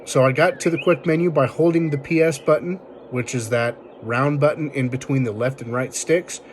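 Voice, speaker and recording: A man's voice: medium pitch, normal speed. Man giving a casual tutorial, faint background noise. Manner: informal, step-by-step explaining. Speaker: video tutorial host. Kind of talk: casual spoken tech tutorial.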